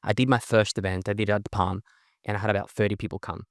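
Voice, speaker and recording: Fast and emphatic, a young native Spanish speaker from Chile, with a blended Spanish and Australian accent, chats energetically as a podcast guest in a casual interview, often closing with "right?". He organizes networking events, and his pitch is fairly low. The studio sound is clean, with no echo.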